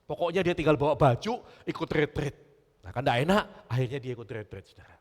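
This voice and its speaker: A male pastor preaching a storytelling sermon, often turning to his congregation and swinging between loud emphasis and hushed lines. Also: fairly high pitch, quick pace. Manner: animated storytelling, often addressing listeners as brothers and sisters. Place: church. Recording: long church reverb.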